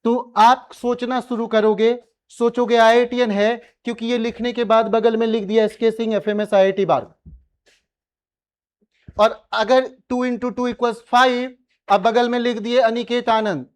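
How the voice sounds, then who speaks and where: A man's voice: very high voice, steady tone, unhurried, clear, resonant tone. A man teaching a maths class, teasing and coaxing his students to answer, slipping English phrases into his talk. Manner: mixes English phrases into speech. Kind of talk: classroom lecture.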